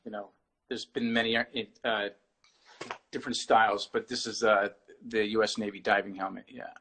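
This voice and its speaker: A man's voice: on the low side, flat delivery, normal speed, pushed and bright, a little hiss or hum, rough recording. A man, an artist, talking casually as a guest on a video-call interview, rambling and often restarting his phrases.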